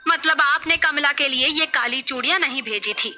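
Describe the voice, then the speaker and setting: A woman voicing a composed middle-aged mother-in-law who speaks calmly and formally. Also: sits high, moderate pace. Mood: puzzled. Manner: calm, formal and reassuring.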